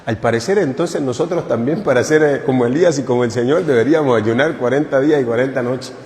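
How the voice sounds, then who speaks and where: Joking priest preaching in a church. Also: male voice, mid-range voice, quick pace, darkish tone, in a large hall. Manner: conversational, joking, asks the congregation questions. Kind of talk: retreat catechesis sermon. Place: parish church.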